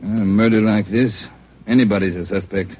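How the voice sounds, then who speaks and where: An actor playing a police chief of detectives who gives brisk commands, on a muffled vintage radio broadcast. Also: male voice, on the low side, fairly even intonation, breathy edge. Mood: commanding. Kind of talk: 1950s radio drama acting.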